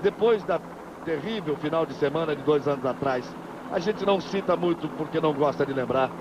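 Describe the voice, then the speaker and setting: Brazilian guy doing motorsport commentary, pretty high voice, emphatic, dull old tv sound with engine noise. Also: a little fast. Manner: emphatic, repeats positions and phrases. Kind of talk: live motor race commentary. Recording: dull, noisy old TV broadcast.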